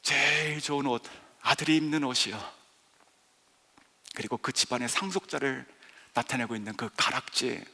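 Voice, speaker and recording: A man's voice: medium pitch, moderate pace, pauses often, bright, forceful tone. A male pastor preaching a sermon with emphatic, dramatic delivery, acting out the voices in the story. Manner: emphatic preaching, acts out the father's voice. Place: church sanctuary. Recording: long reverb in a church hall.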